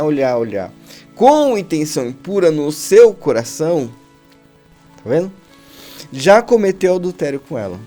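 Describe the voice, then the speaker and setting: Animated man preaching casually. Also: a little high. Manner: conversational, repeats "amém?" and "né?" to check with listeners, stumbles and restarts. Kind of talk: informal sermon on video.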